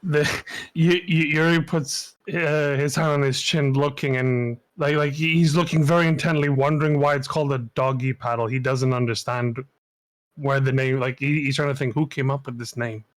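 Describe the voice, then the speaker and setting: A man's voice: medium pitch, fairly even intonation, moderate pace, no room sound. A man player in a tabletop game, hesitant and full of fillers as he describes his character.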